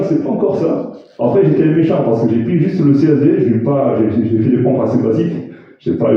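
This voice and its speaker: A man hosts part of a data visualization awards evening, chatting casually and poking fun at himself. He stumbles and restarts often. The sound is distant, echoey and a little dull. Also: mid-range voice. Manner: rambling, self-mocking, many restarts and fillers. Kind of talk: casual live presentation with jokes.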